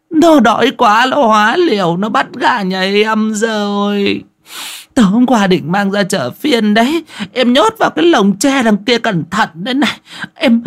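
A man voicing a loud, self-pitying old village woman who screeches curses and wails. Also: very high voice, vocal fry, pitched above the performer's own voice, exaggerated voice. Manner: screeching, cursing and wailing.

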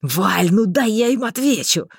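A woman voicing an impulsive young male fire mage who is eager and quick to flare up. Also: medium pitch, animated, creaky, husky, dry recording, studio quality, heavily acted.

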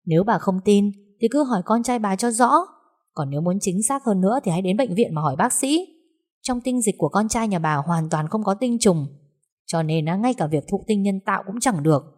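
A woman voicing a defiant young daughter-in-law who speaks fast and cuttingly in a narrated story. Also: mid-range voice, expressive, a little mellow, lightly acted.

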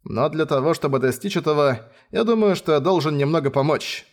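A scheming young spy, read by a man, speaks with calm amusement and easy confidence. He sounds pleased with himself, as in a fantasy audiobook reading. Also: fairly high pitch, fairly quick. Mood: reassuring.

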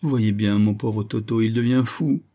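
A man's voice: fairly low pitch, normal speed, mellow, natural voice. A man reading an audiobook, voicing a frightened young woman who speaks anxiously. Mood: alarmed.

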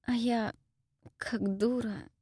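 A woman voicing a timid, tearful young widow who once acted on stage, speaking softly and pleadingly. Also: on the high side, fairly even intonation, slow pace, slightly rough, dry recording, clean studio sound, pitched above the performer's own voice. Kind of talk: audiobook character voice.

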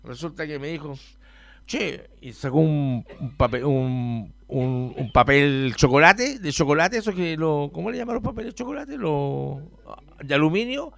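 Chilean man, rambling storyteller, gravelly voice with wide swings in pitch, dry close sound. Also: unhurried, no echo. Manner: animated, swings from loud to mumbled asides. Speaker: patient telling his story on a radio show.

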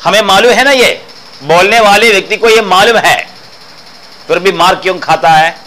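A man's voice: sits high, normal speed, pushed and bright, a little hiss or hum, rough recording. A man teaching philosophy in an explanatory lecture style, repeating phrases and asking rhetorical questions.

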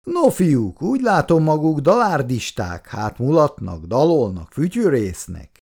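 A man's voice: on the high side, sing-song, darkish tone, breathy edge, pitched above the performer's own voice, heavily acted. A man voicing a suspicious, bossy policeman who barks orders. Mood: mock-jovial. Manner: barking, officious orders.

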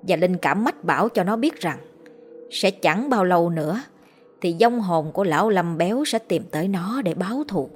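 Woman, scripted horror narration, measured and somber, lower pitch, soft background music. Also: lively intonation. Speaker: storyteller.

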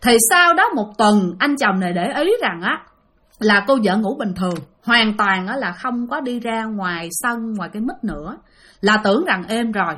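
A woman's voice: medium pitch, lively intonation, moderate pace, bright, forceful tone. A woman with a Southern Vietnamese accent telling a ghost story chattily, often addressing her listeners.

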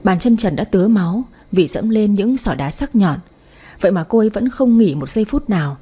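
A woman narrating a romance story for an audiobook in a soft, emotive storytelling manner. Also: mid-range voice, expressive, a little fast, husky.

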